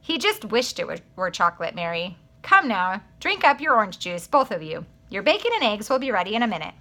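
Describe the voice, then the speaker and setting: A patient, kindly mother calming her children at breakfast, read out by a woman. Her voice is bright and lively, rising and falling as she soothes them. It is plain storybook read-aloud. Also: mid-range voice, a little fast.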